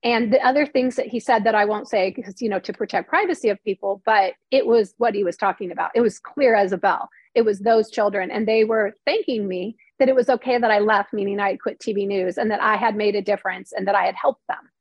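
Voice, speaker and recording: Speaking fairly quickly in a mid-range voice with almost no pauses, this former TV news reporter turned novelist, a middle-aged woman, opens up in an interview about something emotional and personal. The recording has no echo. Her manner is earnest, candid and chatty, full of "like" and "you know," and she performs the quotes she recounts.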